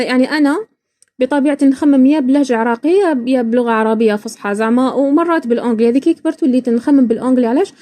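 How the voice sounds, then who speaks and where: A woman's voice: on the high side, dark tone, no echo. A woman from Iraq hosting a podcast, talking casually and chattily, often breaking off and restarting her words. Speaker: podcast host. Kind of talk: casual spoken monologue.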